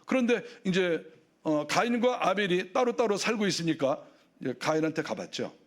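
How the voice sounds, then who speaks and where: A man's voice: sits high, very animated, moderate pace. A male pastor preaching a sermon in a conversational way, full of rhetorical questions.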